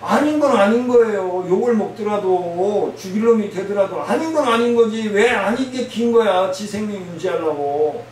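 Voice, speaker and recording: A male pastor preaching a sermon, blunt and scolding, with loud emphatic outbursts. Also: sits high, moderate pace, few pauses. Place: church sanctuary. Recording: very echoey church hall, mic from a distance, faint hiss.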